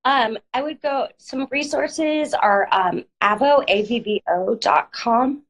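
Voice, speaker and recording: A woman's voice: a little high, slow pace, low-quality recording. A woman lawyer with a cold, explaining legal matters plainly in a live online interview. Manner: plain explanatory, uses hedging fillers. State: has a cold, clearing her throat. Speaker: lawyer, guest. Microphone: online video stream.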